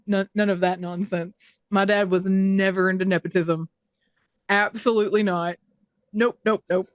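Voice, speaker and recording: A woman co-hosts a podcast in casual, profane chat, ranting animatedly and putting on mocking voices to quote others. Her voice sits at a middle pitch, and the recording is dry and close. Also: fairly even intonation, normal speed, no echo. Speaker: podcast co-host.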